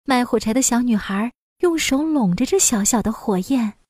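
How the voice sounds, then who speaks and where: Reading a scripted fairy tale for young children, a woman with a fairly high voice tells the story expressively at a moderate pace. The recording is close and dry.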